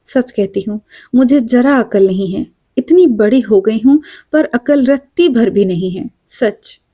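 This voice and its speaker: A woman's voice: a little high, unhurried, mellow, no room sound, clean studio sound. A woman voicing a fretful, self-reproaching young woman in a storybook reading, her tone plaintive. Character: anxious self-blaming young woman on train.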